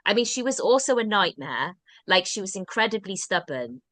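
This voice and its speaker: A woman's voice: medium pitch, sing-song, moderate pace, fairly bright tone, no room sound. A British woman, a podcast guest, telling a personal story in a rambling, casual way with many restarts. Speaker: guest, drama workshop founder.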